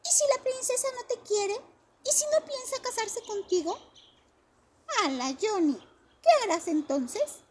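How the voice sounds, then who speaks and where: A woman's voice: very high voice, expressive, measured pace, pitched above the performer's own voice. A woman voicing a group of small kindergarten children who tease and question, in a storybook reading. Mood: teasing.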